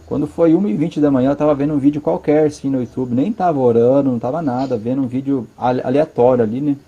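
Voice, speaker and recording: A man with a Brazilian Portuguese accent giving an earnest personal testimony from his living room, halting and repeating words for emphasis. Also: medium pitch, fairly even intonation, dark tone, slightly rough, muffled recording. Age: adult, father of a five-year-old. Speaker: interview guest.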